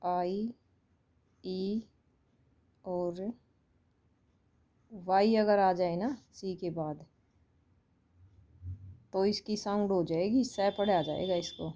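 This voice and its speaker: A woman's voice: medium pitch, steady tone, very slow, pauses often, warm tone. A woman with an Indian accent teaching English phonics online, explaining patiently and repeating each sound.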